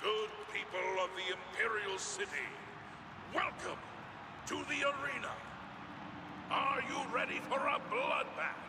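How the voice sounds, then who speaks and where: An actor playing a grandiose male arena announcer in a fantasy fighting game, with booming, drawn-out, ceremonial showmanship. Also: big pitch swings, heavily acted. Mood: grand, rousing. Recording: game audio under loud arena noise.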